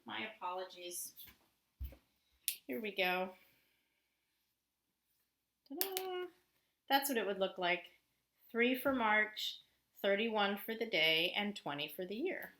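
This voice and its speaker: Slow and lively in intonation, with long pauses, her medium-pitched voice sounds bright and forceful. She's a woman in her forties, an elementary teacher reading aloud and giving an informal lesson to children with simple, expressive explanations, and the recording has roomy echo and faint background noise.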